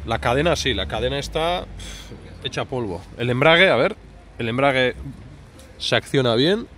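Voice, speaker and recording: A motorcycle vlogger, a man, gives chatty, colloquial, off-the-cuff commentary outdoors in a street parking area. His voice is medium-pitched, animated and fairly bright, at a moderate pace. He holds the phone or camera himself, and the noisy urban street comes through in the recording.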